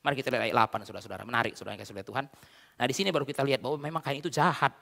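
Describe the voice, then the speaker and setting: A man's voice: mid-range voice, racing, gravelly, sharp tone. A man pastor preaching a sermon in a church, full of rhetorical questions and repeated direct address to the congregation. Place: church sanctuary. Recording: reverberant church hall.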